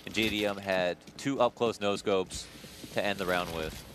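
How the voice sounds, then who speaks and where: A man's voice: on the low side, moderate pace, fairly bright tone, slight background noise. A man giving conversational, analytical commentary on a live video game match as the analyst of the broadcast.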